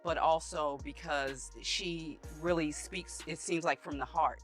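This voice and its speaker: A woman giving earnest, measured news commentary. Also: low voice, fairly bright tone.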